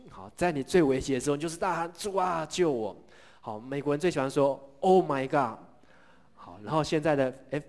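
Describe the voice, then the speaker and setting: A middle-aged male pastor delivers a sermon in a mid-pitched voice. He tells the story with lively energy, asks the congregation questions and leads them in call-and-response lines.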